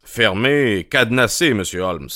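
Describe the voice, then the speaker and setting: A man voicing a grave, cautious male country doctor in an audiobook, measured and earnest. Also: lowish voice, lively intonation, sharp tone, dry recording, clean studio sound. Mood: factual. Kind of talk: audiobook character reading.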